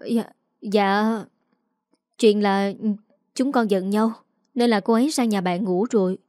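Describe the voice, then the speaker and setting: A woman's voice: mid-range voice, steady tone, takes it slowly, a little mellow, no room sound, clean studio sound, lightly acted. A woman voicing an evasive young husband who stammers out excuses. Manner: hesitant, stammering.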